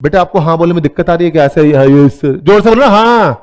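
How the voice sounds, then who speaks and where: High-voiced Indian accounts teacher. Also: male voice, animated, fast, darkish tone. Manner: calls students "beta", mixes Hindi and English, jokey. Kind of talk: classroom lecture. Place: classroom.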